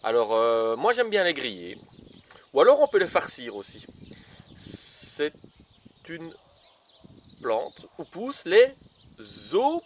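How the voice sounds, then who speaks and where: A man's voice: a little high, huge pitch swings, slow pace, pauses often, slight background noise. A man in his outdoor garden, planting seedlings and teasing kids to guess each vegetable, with lots of fillers. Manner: playful, teasing guessing games, many fillers. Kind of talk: casual gardening show for children.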